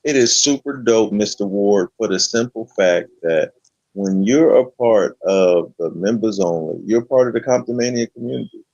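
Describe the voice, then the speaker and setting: Male host, casual slangy chat, middle pitch, dry and muffled audio. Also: a little mellow, no echo. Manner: laid-back slangy, drawn-out hype. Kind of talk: casual late-night chat.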